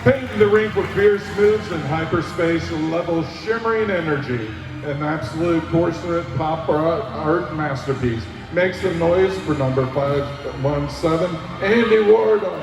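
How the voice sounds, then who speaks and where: A man announcing roller derby player introductions in a pumped-up, booming style over a venue PA. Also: a little slow, hardly any pauses. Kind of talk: hyped scripted player introductions over arena PA. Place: large indoor sports venue. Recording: echoey PA heard far off, music. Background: clear music.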